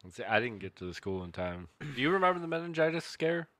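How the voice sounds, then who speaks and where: A man's voice: medium pitch, big pitch swings, fast, a bit bright, no room sound, studio quality. A man in his mid-thirties co-hosting a podcast, talking in a laid-back, terse way with casual swearing. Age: 30s. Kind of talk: casual chat.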